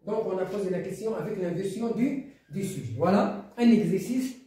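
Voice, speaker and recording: A woman's voice: medium pitch, normal speed, dark tone. A woman teacher with a Moroccan accent giving a grammar lesson, repeating key phrases and explaining each point again in Arabic. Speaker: primary school teacher. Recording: very echoey classroom, voice far from mic.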